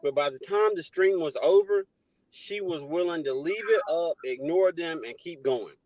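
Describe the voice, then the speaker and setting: A man's voice: on the high side, moderate pace, darkish tone, dry recording, rough recording. A man hosting a livestream in a casual, chatty style. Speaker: livestream host.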